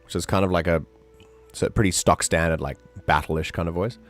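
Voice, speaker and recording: A man's voice: sits low, steady tone, fairly quick, soft background music. A man chatting casually as he streams a game, in a rambling, hesitant way. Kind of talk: casual livestream chat.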